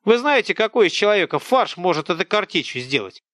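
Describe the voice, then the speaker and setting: A man voicing a calm, wry adult mercenary who talks in an easygoing, mildly mocking way. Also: high voice, brisk, no room sound, clean studio sound, voice pushed up. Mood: arguing.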